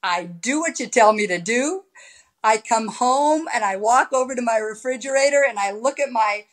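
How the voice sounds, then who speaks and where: A woman in her sixties, a podcast guest, telling her story in a lively, animated way over a video call from a room at home. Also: fairly high pitch, moderate pace. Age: 60s. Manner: animated storyteller with big hand gestures. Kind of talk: casual interview chat. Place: home room with high ceiling. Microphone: laptop webcam on a video call.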